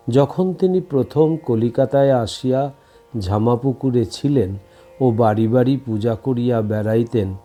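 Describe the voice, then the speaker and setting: A man reading a devotional scripture aloud in a slow, measured recitation. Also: mid-range voice, warm tone. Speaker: scripture reader.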